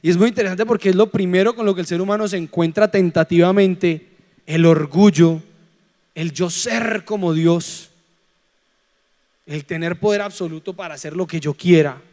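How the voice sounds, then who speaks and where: A man preaching conversationally to young people, animated and asking teasing rhetorical questions. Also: high-pitched, normal speed. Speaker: preacher leading a youth forum. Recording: long hall reverb.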